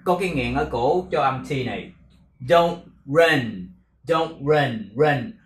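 A man teaching English pronunciation, repeating words slowly and carefully, syllable by syllable, then explaining their meaning. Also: mid-range voice, lively intonation, echoey room, a little hiss or hum. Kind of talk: pronunciation lesson with repeated drills.

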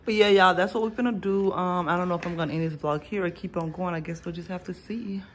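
A young Florida woman talks fast in a lowish, fairly even voice, chatting with viewers about her food and her day in a casual phone vlog. She addresses them directly as "y'all," holding the phone camera at arm's length, and the audio is noisy.

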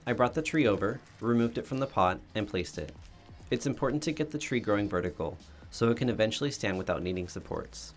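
A man with a fairly low voice and lively intonation narrates fast. His voice-over covers his backyard renovation in a plain, matter-of-fact way, as befits a DIY home renovation vlogger. It was recorded away from the yard shown, with soft background music.

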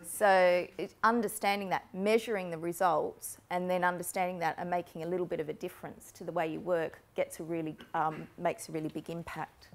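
Wearing a lapel mic in a lecture room with a projector screen, a marketing keynote speaker in her forties delivers a conference talk. Her lowish voice is fairly even and a little fast with few pauses, and she explains steadily while often saying um.

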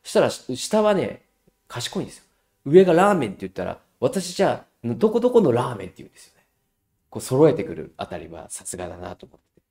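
A middle-aged man giving a lively parenting lecture, telling anecdotes and acting out children's voices. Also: medium pitch, fast, gravelly. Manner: animated storyteller who acts out children's voices.

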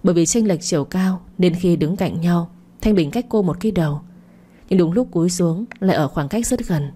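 A woman narrating a romance story for a late-night radio channel in a calm, even storytelling manner. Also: fairly low pitch, normal speed, slightly rough.

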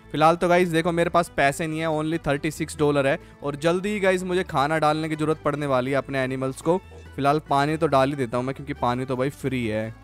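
A man giving casual, chatty commentary over his farming game, constantly addressing his viewers as friends. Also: on the high side. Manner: chatty, keeps calling viewers "guys" and "bhai". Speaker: gaming channel host.

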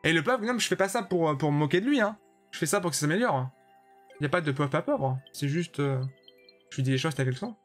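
Male streamer, blunt and talkative, slightly higher pitch, soft game music underneath. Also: lively intonation, quick pace. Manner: chatty, judges viewer levels bluntly, answers chat by name. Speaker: streamer playing a level-making platform game. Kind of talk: casual live-stream commentary to chat.

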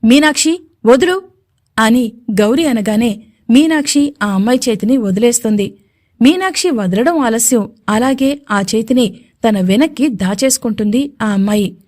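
Woman narrating a romance audio story. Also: on the high side. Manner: steady storytelling. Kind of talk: scripted narration.

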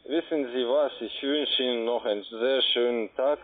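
A call centre agent speaking non-native German makes a sales pitch over the telephone. He is halting and keeps repeating himself, and the narrowband phone line sounds muffled.

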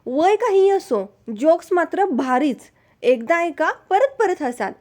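A woman reading out a string of jokes slowly and cheerfully, dropping her voice low when she speaks for the grandparents. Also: animated, darkish tone. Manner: slow, cheerful storytelling, lowering her voice for the grandparents. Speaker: joke narrator. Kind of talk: read-aloud jokes with character voices.

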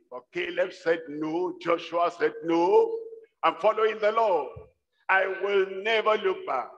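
An older man preaching a sermon to a large congregation, with a rhythmic, repetitive style that builds to shouts. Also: high-pitched. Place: large church hall with congregation. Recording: dull livestream sound in a reverberant hall.

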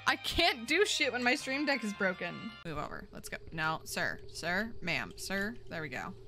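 A woman's voice: medium pitch, very animated, moderate pace, music in the background. A woman streamer reacting to a horror game, swearing a lot and shrieking at the scares.

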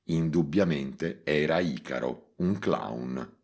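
A man reading a short story aloud in a measured, dramatic way. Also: extremely low pitch, a little mellow. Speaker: audiobook reader. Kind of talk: scripted narration.

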